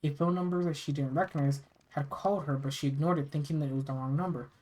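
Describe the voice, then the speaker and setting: A storyteller from the United States reading a first-person horror story aloud in a halting way, often stumbling and repeating phrases. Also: mid-range voice, fairly even intonation, a little mellow, poor audio. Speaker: narrator reading scary stories.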